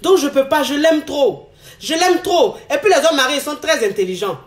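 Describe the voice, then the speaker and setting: A woman's voice: high voice, lively intonation, a little fast, echoey room, a little hiss or hum. A woman giving frank relationship advice in a talk monologue, repeating her phrases for emphasis and acting out the lines she quotes. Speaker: advice speaker.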